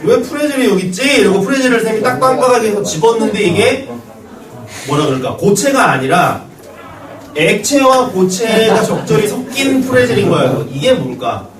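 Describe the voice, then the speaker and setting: A man's voice: high-pitched, big pitch swings, moderate pace, crowd noise. A man teaching math to a class, joking and telling stories between points. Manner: joking banter with students, storytelling. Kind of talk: classroom lecture. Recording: roomy classroom echo, distant mic.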